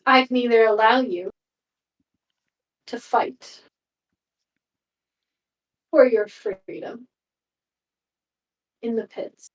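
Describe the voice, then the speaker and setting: A woman plays a stern usurper king of the cat-folk in a tabletop game, speaking slowly and coldly in a slightly high voice. Every word is measured. The voice sits distant from the mic. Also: fairly even intonation. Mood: menacing.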